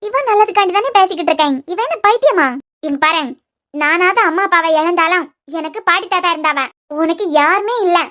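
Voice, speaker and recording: Feuding young women from a cartoon serial, voiced by a woman with a Kanyakumari Tamil accent. The voice is very high and bright, with a sharp, forceful edge. The talk is rapid, and the arguing is heated and reproachful. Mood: angry. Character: quarrelsome young women in a family feud. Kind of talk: cartoon dialogue acting.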